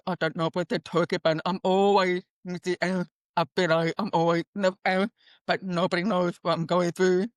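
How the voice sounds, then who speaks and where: A woman's voice: fairly low pitch, no room sound, studio quality. Earnest deaf woman guest on a call. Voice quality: deaf speech, her hearing profoundly impaired from birth. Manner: halting non-standard phrasing, earnest. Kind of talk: interview answers.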